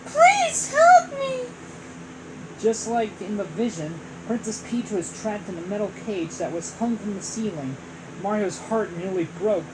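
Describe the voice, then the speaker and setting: A woman's voice: mid-range voice, background noise. A woman reading a storybook aloud, often stopping to restart and correct her words. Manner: slow, with frequent restarts and self-corrections. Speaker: storybook reader.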